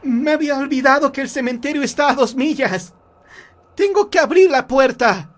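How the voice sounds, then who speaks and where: A man voicing a desperate, grieving old mother who cries out in a shrill, pleading voice. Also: lively intonation, normal speed. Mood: crying out.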